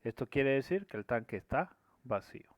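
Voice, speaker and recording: A man's voice: mid-range voice, lively intonation, normal speed, no room sound. A man teaching a screen-recorded programming lesson, explaining each step and often checking that students follow. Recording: dry, dull lo-fi recording.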